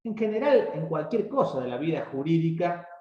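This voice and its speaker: A man with an Argentine Spanish accent moderating a legal webinar, explaining in a measured way with hesitant restarts over a video call. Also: fairly high pitch, very animated. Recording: echoey, muffled video-call audio.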